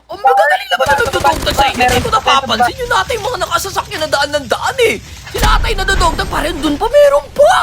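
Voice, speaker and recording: A young man giving casual, excitable commentary while playing a shooter game, swinging from low mutters to high squeals and shouts. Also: quick pace, hardly any pauses, over loud music. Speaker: gaming streamer. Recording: game audio with gunfire behind.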